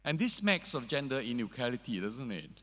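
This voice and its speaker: Male preacher, mid-pitched, measured and hesitant sermon delivery, long cathedral echo of a big church. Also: very animated, sharp tone. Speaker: preacher leading an evening church service. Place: large reverberant church, speaking to a seated congregation.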